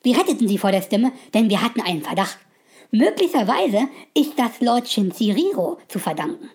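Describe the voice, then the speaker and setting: A woman as a gentle, forgetful talking spider. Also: fairly high pitch, big pitch swings, moderate pace, husky, heavily acted. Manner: soft, warm-hearted, chatty. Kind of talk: audio story acting.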